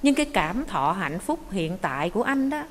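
A woman, a Buddhist nun giving a lively dharma talk with rhetorical questions. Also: mid-range voice, moderate pace. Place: meditation monastery hall. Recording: echoey hall with faint noise.

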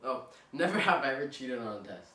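A young man hosting a casual game video with a friend, joking and teasing, quick to laugh. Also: medium pitch, sing-song, heavy background noise. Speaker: vlogger host. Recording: roomy and distant mic.

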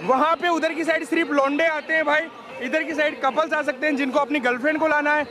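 A young man vlogging excitedly outdoors at a water park, talking loudly into a camera held at arm's length. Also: extremely high pitch, fast talker. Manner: loud, hyped, calls viewers "bhai". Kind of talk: excited vlog walkthrough. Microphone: action camera held at arm's length. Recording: loud crowd and splashing.

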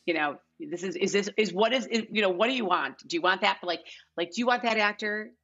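A middle-aged American woman, a casting director appearing on a podcast, rambles through a casual, unscripted interview, sprinkling in "like" and "you know." Her mid-range voice is a bit bright and slightly rough, and she talks a little fast. She joins by video call with headphones from a bright living room at home, and the audio is slightly dull and lo-fi.

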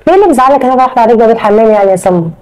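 A man's voice: extremely high pitch, expressive, racing, a little mellow, clean tone, low-quality recording. A man voicing a scheming young wife who speaks with an Egyptian accent, coaxing and unbothered while she plots.

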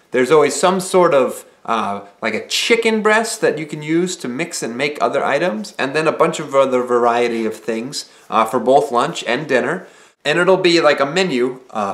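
A young man talking relaxed and conversational to the camera in a small living room, explaining things with casual filler phrases. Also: mid-range voice. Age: young adult. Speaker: vlogger. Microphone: camera mic, head-and-shoulders framing.

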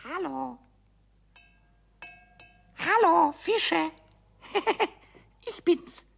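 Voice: high voice, very animated, a little slow, gravelly, fairly bright tone, soft background music, exaggerated voice. A performer voicing a mischievous little male kobold in a radio play, stammering, giggling and chattering. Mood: excited chatter.

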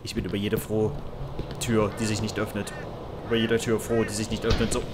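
A man's voice: lowish voice, level tone, fairly quick, noisy background. A man casually commentating a horror game, joking and sarcastic, talking to the game character. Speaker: let's play host.

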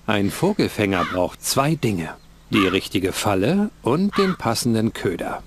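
An actor playing a young, earnest, dutiful bird catcher in a fantasy adventure game, musing to himself. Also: male voice, lowish voice, sing-song, a little slow, slight background noise. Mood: pensive. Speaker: game protagonist.

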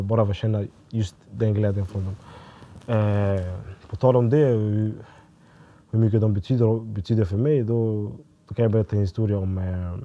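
A man's voice: lowish voice, dull audio. A young man, a podcast guest, telling a personal story in a casual interview and acting out his own thoughts as he goes.

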